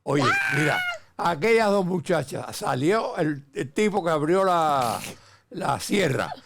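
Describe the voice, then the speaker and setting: Older grandfather host, gravelly and a bit high, tells lively stories that keep restarting. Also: slow pace, noisy background. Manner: animated storytelling with many restarts. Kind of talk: casual family chat.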